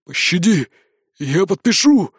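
Man doing a menacing old battle mage, snarling threats, altered timbre, high voice, dry sound. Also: very animated, measured pace, slightly rough, dry recording, heavily acted. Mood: pleading.

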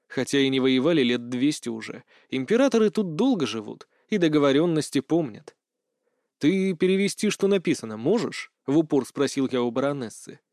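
A man giving steady first-person audiobook narration of a fantasy story. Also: a little high, no echo, clean studio sound.

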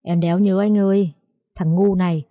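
A woman's voice: fairly low pitch, fairly even intonation, normal speed, dry recording, lo-fi sound, close to an everyday voice. A woman reading aloud, voicing a crude, threatening male debt-collector thug. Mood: leering. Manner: vulgar, taunting, threatening.

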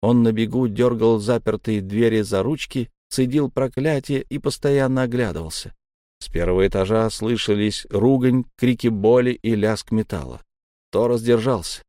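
A man's voice: mid-range voice, normal speed, dark tone, no room sound, studio quality. A man narrating an adventure audiobook in a tense, storytelling delivery.

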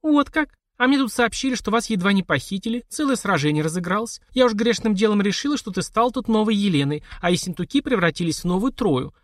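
A man's voice: sits high, animated, fast talker, few pauses, no room sound, clean studio sound, voice pushed up. A man voicing a playful, mocking widowed society lady in an audiobook. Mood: teasing. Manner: teasing, flippant.

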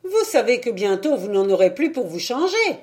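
A woman voicing a grumbling housekeeper who scolds in a shrill voice. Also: very animated, moderate pace, darkish tone. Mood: scolding.

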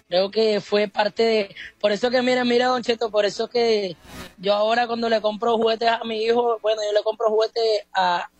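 A young man from Honduras, a rapper answering interview questions in an earnest, polite way. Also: sits high. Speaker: guest rapper.

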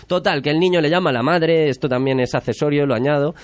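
A man's voice: fairly high pitch, fast. A man with a Spain Spanish accent, chatting casually as a podcast host and mockingly retelling a film plot. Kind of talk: casual film review chat.

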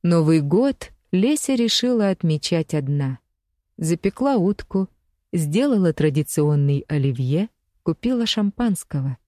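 A woman narrating an audiobook story in a measured, even storytelling manner. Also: on the low side, no echo, clean studio sound.

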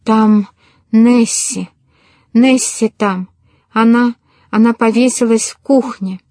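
A woman's voice: a little high, fairly even intonation, extremely slow, warm tone, no room sound, clean studio sound, pitched above the performer's own voice. Woman doing a stammering, panicked old grandmother. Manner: stammering, breathless.

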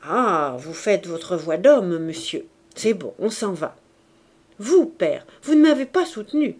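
A woman reading aloud, voicing a playful young bride who teases and pouts in a raised, lively voice. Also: takes it slowly. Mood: pouting. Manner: pouting, teasing, high and bright.

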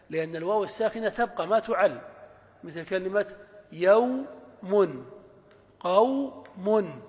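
High-voiced man teaching Arabic grammar in a hall. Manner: questions and answers himself, plays the student. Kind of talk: lecture.

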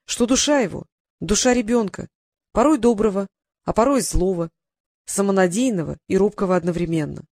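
A steady, honest desert warrior and commander, read by an audiobook narrator, speaking in a calm, measured way. The voice sits at an ordinary middle pitch, recorded close and dry. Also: dry recording, lightly acted. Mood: solemn.

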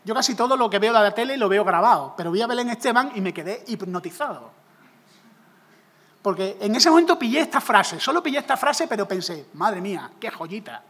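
A man preaching a humorous sermon, jokey and animated, acting out little scenes. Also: sits high, fairly quick, big-room sound.

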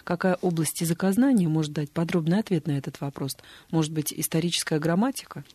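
A radio host briskly reading out listener questions and taking calls in a studio. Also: mid-range voice, darkish tone, no room sound. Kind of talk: hosting a call-in show.

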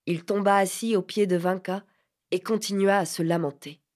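A woman narrating a classic novel for an audiobook in a measured, even storytelling voice. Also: medium pitch.

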